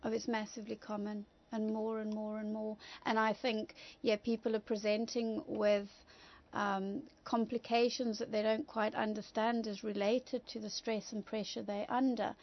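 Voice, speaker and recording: A woman's voice: mid-range voice, little pitch movement, moderate pace, dull audio. A woman speaking as an expert guest on a talk show, emphatic and encouraging.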